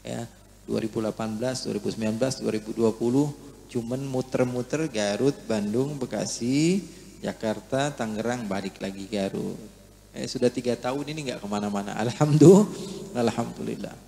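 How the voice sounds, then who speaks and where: A man's voice: mid-range voice, fairly even intonation, normal speed, creaky, darkish tone, a little hiss or hum. A man in his thirties from Indonesia, preaching a sermon, telling stories and reciting Arabic scripture with swelling emphasis. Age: 30s.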